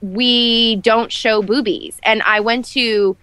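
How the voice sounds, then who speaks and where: A woman's voice: a little high, steady tone, slow pace, pushed and bright, clean tone, no echo. A woman in her twenties, an actress guest chatting candidly in an interview, full of fillers and restarts. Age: 20s. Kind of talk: casual interview chat.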